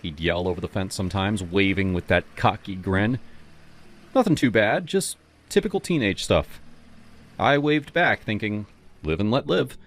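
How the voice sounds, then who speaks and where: A man narrating a horror story in the first person, in a dramatic, expressive way. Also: lowish voice, moderate pace.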